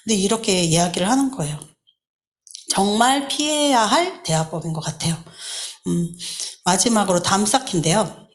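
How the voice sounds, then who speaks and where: Animated Korean woman telling a church story. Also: mid-range voice, moderate pace. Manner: animated storytelling, acting out quoted lines. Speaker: church teacher sharing a personal story. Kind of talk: church class talk.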